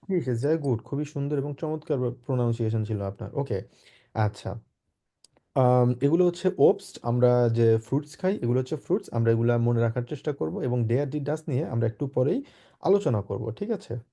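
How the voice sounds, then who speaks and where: A male language teacher runs an online class, breaking each word into letters and asking learners to repeat after him. His voice is very dark and mellow, and he stays patient throughout. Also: mid-range voice, animated, moderate pace. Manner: patient, spells words out and drills repetition.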